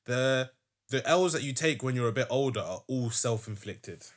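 A man's voice: mid-range voice, expressive, moderate pace. A young man with a London roadman accent, chatting casually in emphatic slang and repeating phrases for effect. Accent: London, urban roadman slang. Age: young adult. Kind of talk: casual group chat, animated anecdotes.

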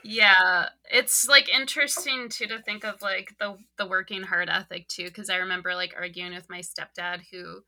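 Gravelly bright-voiced woman co-host. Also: mid-range voice, fairly even intonation, moderate pace, hardly any pauses. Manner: swears freely, candid. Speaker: podcast co-host. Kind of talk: casual chat.

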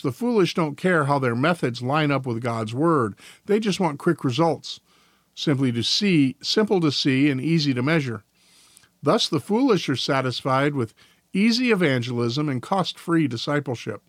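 A man's voice: a little high, no room sound, studio quality. A male podcast host reading a devotional and a church confession aloud in a careful way, now and then tripping over his words.

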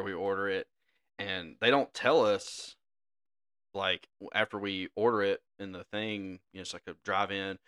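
A man's voice: deep voice, fairly bright tone, clear, resonant tone. Laughing man telling a story. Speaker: podcast co-host. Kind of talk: casual storytelling.

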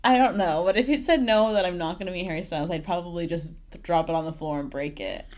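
A woman's voice: fairly low pitch, fast talker, a little mellow. A young woman from Texas, a guest on a casual podcast, giggly and dramatic, with lots of "like" fillers. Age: young adult. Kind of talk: casual chat.

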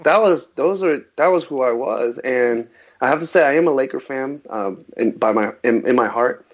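A Southern California man who grew up speaking Mandarin, an actor and musician, appears as a guest on a casual interview podcast. His medium-pitched voice moves at a moderate pace as he rambles with frequent restarts, getting animated about sports. The podcast audio is dull and lo-fi.

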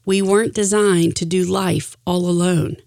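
A middle-aged woman reading a personal reflection aloud in an earnest, deliberate way with emphatic phrasing. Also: on the low side, fairly even intonation, creaky, a little mellow, no room sound, studio quality. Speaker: speaker sharing a personal reflection.

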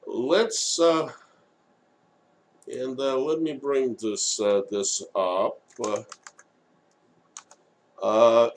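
A man hosting an unscripted live stream of political commentary, speaking haltingly with many filled pauses. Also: mid-range voice. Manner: halting, frequent long hesitations and filled pauses.

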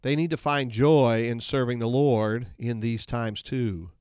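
Male podcast host, earnest and measured instructional read, mid pitch, dry close-mic sound. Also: darkish tone, smooth, dry recording.

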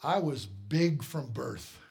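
A middle-aged male pastor preaching a sermon, telling a personal story, shifting from quiet asides to loud, emphatic peaks. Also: fairly high pitch, takes it slowly, vocal fry, husky.

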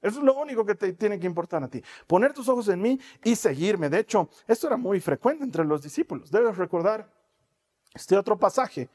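High-pitched male preacher, lively sermon storyteller who laughs often. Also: a little fast, breathy edge.

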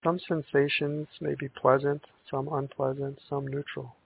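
A man guiding a breathing meditation in a calm, gentle, meditative tone, on a thin band-limited recording. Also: mid-range voice, measured pace, creaky. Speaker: meditation guide. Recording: tinny band-limited audio with hiss.

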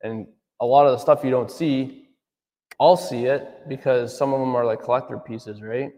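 Heard in a large hall, a steady, mid-range male voice with a dark tone and moderate pace comes from a 30-something auto detailer who owns his business. He's casual and rambling in the interview, loaded with fillers and frequent "right?"s.

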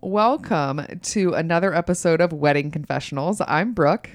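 A woman's voice: low voice, moderate pace, no room sound, clean studio sound, soft background music. A young woman co-hosting a podcast in casual chat, chatty and laughing often. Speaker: podcast co-host.

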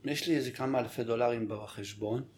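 A man in his thirties spins stories in a casual chat, animated and acting out what people said. His voice is medium-pitched, with a bit of hiss or hum in the recording.

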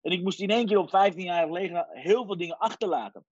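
A man in his forties from Iran, a guest telling his life story in a lively casual way, sprinkling in English phrases. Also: sits high, quick pace, breathy edge, no echo. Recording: dry, dull lo-fi sound.

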